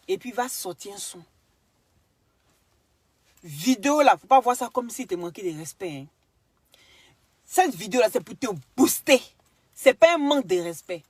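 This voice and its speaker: A woman ranting at someone in a clash video, scolding and insulting, swinging between loud outbursts and mutters, with bits of broken English. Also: fairly high pitch, husky, no room sound. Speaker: social media commentator.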